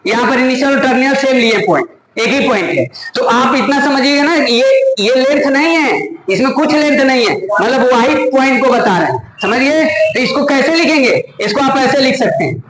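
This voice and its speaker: A man's voice: very high-pitched, expressive, normal speed. A man teaching math to a class, explaining step by step and teasing and scolding students, checking often that they follow. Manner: scolding and joking with students, repeated check-ins. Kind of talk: classroom lecture. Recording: echoey classroom with student chatter.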